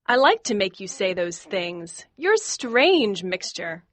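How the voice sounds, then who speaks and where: A lively teasing young lady. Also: mid-range voice, takes it slowly, no echo, exaggerated voice. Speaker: Daisy Miller. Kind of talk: audiobook dialogue acting.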